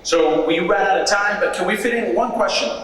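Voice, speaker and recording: Rushed, bright-voiced male moderator, very echoey. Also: high voice. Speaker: event moderator. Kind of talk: live moderating. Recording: very echoey hall, distant, faint noise.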